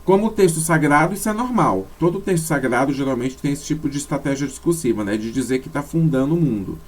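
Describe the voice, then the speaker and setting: A Portuguese-speaking teacher with a fairly high voice lectures over slides at a quick pace, his intonation lively. He explains step by step, often using tag questions and correcting himself.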